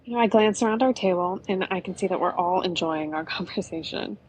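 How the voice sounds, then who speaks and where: A woman's voice: lowish voice, a little fast, slight background noise, rough recording. A woman narrating an adventure story in a chatty, conversational way. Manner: chatty, with frequent "you know".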